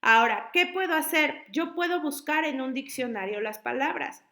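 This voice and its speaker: A woman, an online high school tutor patiently explaining spelling to her students. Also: moderate pace, sharp tone.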